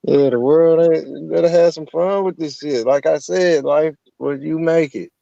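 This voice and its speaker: Gravelly dark-voiced man on a dull call line. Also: on the high side, moderate pace, no room sound. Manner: laid-back, street-slang advice. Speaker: guest on a call. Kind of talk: casual chat.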